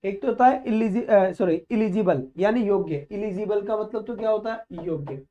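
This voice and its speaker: Man teaching a vocabulary class, mellow tone. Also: sits high, normal speed, dull audio. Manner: drilling, asks and answers his own questions; calls students "beta", friendly and instructive. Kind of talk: live online vocabulary class.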